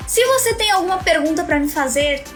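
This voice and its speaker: High-voiced Brazilian woman teaching speaking skills. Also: lively intonation, brisk, faint music behind. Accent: Brazilian Portuguese. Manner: didactic, direct address to viewers, acts out example voices. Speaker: communication and public speaking teacher. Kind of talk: live-streamed lesson. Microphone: phone.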